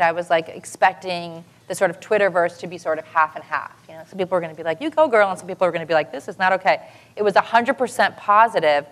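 A middle-aged woman talking on a panel in a chatty, animated way, with many fillers and restarts. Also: lowish voice. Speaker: show creator on a panel. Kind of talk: casual panel talk.

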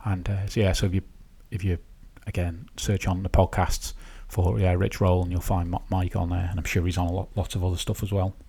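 A quick-talking man with an Isle of Man accent and a low, creaky voice. He hosts a podcast in a casual, rambling, conversational way. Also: flat delivery, warm tone. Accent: Manx. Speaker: podcast host. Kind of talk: casual interview chat.

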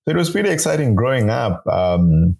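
A man's voice: mid-range voice, very animated, fairly quick, gravelly, a little mellow, husky. A young man from Zambia, a grad student and radio producer, speaking as a guest in a podcast interview in an earnest, upbeat way, explaining at length. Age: young adult.

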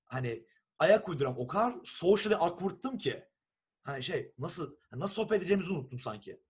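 A young man from Turkey, telling a long story in a casual, animated chat and acting out what people said. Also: fairly high pitch, a little fast, husky. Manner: animated storyteller who acts out quoted texts and swears casually.

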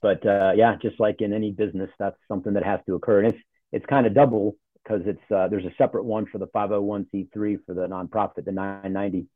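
A man in his forties with a lowish voice, talking easily and rambling a bit with plenty of fillers. He comes through a thin, phone-like line with a dry sound and no room around him. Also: quick pace, no room sound. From born in Ohio, grew up in Charlotte. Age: 40s. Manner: relaxed, rambling with many fillers. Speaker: podcast guest, nonprofit CEO. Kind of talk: casual interview talk. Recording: tinny phone-like call audio.

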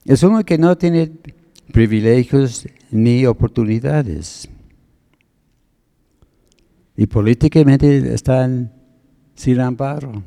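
A man preaching a sermon, explaining word meanings in a slow, deliberate teaching manner. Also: mid-range voice, gravelly, warm tone.

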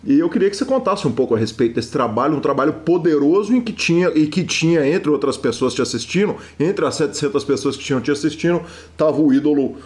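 A man's voice: on the high side, animated, quick pace, darkish tone. A man hosting a podcast interview, speaking in a formal, courteous way with playful asides. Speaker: podcast host.

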